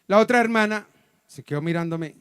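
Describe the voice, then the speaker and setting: A man with a Colombian accent, a pastor preaching a testimony, storytelling dramatically with sudden loud and soft turns. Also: high voice, brisk, clear, resonant tone, dry recording, clean studio sound. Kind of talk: sermon testimony. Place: church hall.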